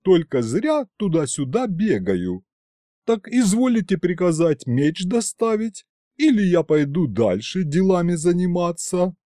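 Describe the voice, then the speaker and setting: A man's voice: high voice, sing-song, a little slow, mellow, dry recording, clean studio sound, pitched above the performer's own voice. A man voicing a fussy palace butler who complains in a raised, grumbling voice.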